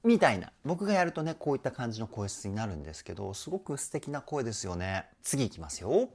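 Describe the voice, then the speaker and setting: Enthusiastic male vocal coach, very lively pitch. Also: quick pace. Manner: enthusiastic, explanatory, sings short demo phrases. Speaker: vocal trainer, channel host. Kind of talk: reaction and vocal analysis commentary.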